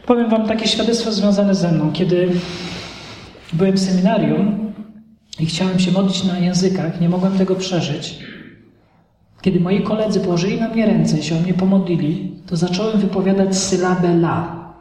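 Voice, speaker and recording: High-voiced man preaching in an echoey hall. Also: moderate pace, distant mic. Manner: animated preaching, acts out dialogues. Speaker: pastor. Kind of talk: sermon. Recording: echoey hall recorded from afar.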